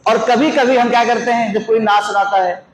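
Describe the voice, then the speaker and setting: A man's voice: extremely high pitch, steady tone, a little fast. A man, an Islamic scholar, giving a religious lesson, asking his listeners questions and walking them through examples. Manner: questions the audience and gives worked examples. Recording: echoey room with faint noise.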